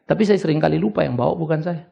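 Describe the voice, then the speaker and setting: A man's voice: fairly high pitch, very fast, gravelly, dark tone, dull audio. An older man preaching a sermon as pastor, conversational at times and then rising into urgent exhortation. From Indonesia.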